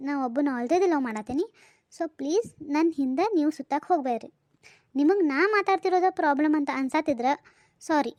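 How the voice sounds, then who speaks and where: A sharp, indignant young office woman in a cartoon comedy, speaking with a North Karnataka Kannada accent. The voice is very high and brisk, with a scolding edge. It is recorded close and dry. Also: dry recording.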